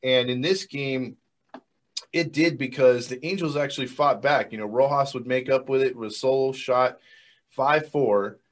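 A man co-hosts a casual sports podcast, speaking at medium pitch and normal speed. He's laid-back and agreeable, with lots of fillers and restarts.

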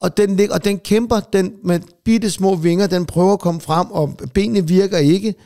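A man's voice: high-pitched, steady tone, mellow. A middle-aged man co-hosting a podcast, telling rambling anecdotes in casual chat with plenty of swearing. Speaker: podcast co-host.

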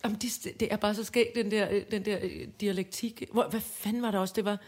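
A woman co-hosting a casual chat podcast, an animated storyteller who acts out voices, laughs often and hesitates a lot. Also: medium pitch. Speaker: podcast co-host.

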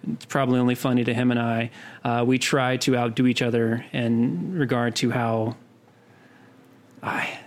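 A man's voice: mid-range voice, little pitch movement, normal speed. A young man co-hosting a podcast, talking in a rambling way with many fillers and restarts. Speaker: podcast co-host. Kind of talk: casual podcast chat.

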